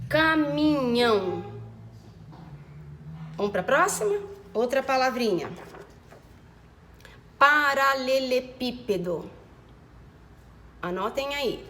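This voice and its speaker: Brief: higher-voiced female teacher, slow careful dictation for kids, echoey room. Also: a bit bright, a little hiss or hum. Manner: slow, over-enunciated dictation of words; affectionate diminutives and frequent check-ins. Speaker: primary school teacher. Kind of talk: recorded remote lesson for children.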